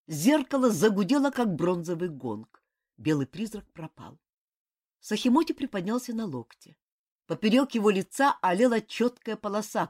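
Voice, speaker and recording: A woman giving an expressive, dramatic reading as a fantasy audiobook narrator. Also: mid-range voice, husky.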